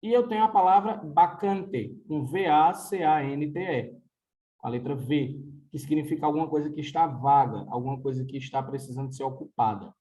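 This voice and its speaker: A Brazilian-accented man teaching a Spanish lesson to a class. His voice sits somewhat high but sounds mellow and relaxed. He explains patiently, repeating words and often checking in with the class. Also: normal speed, low-quality recording. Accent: Brazilian Portuguese.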